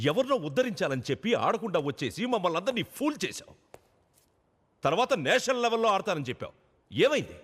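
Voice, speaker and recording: A stern middle-aged father who scolds his son, his husky voice rising and falling widely. The film soundtrack has a long reverb. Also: fairly high pitch, fairly bright tone, heavily acted. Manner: reproachful, lecturing.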